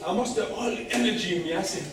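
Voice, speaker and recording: A man with a Haitian accent, telling stories to a club audience in an animated way and laughing often. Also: high voice, quick pace, noisy background. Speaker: guest speaker. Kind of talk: storytelling talk to a club audience. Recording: echoey room, distant mic.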